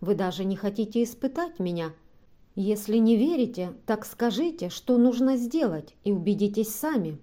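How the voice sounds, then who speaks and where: A desperate young woman pleading in a tearful, imploring voice, as a female narrator reads her in an audiobook. The sound is mellow and warm, not bright. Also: medium pitch, expressive, moderate pace, natural voice. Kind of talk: audiobook reading.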